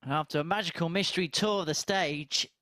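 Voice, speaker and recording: A man's voice: on the high side, fairly quick, pushed and bright. A man from southern England with a southern English accent, giving casual live darts commentary and chatting with a colleague.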